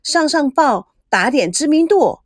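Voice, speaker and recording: A spoiled young woman snaps sarcastically and loudly, her voice riding high and lively, as a woman narrator puts her on. She is a sulky, sharp-tongued younger sister in a storybook. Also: measured pace, dry recording, clean studio sound. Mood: mocking.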